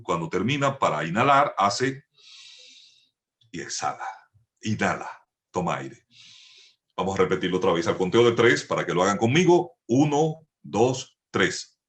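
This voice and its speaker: Slow, low-voiced male speech teacher. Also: a bit bright. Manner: measured, instructive, drawn-out vowel demonstrations. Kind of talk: slow, deliberate voice lesson.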